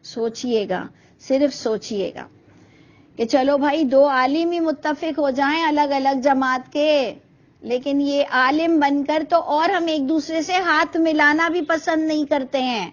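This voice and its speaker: A woman gives an online Quran commentary class in a high voice. She speaks earnestly and preaches, asks her students rhetorical questions and drops in English words. The video call audio sounds a little muffled. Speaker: Quran teacher.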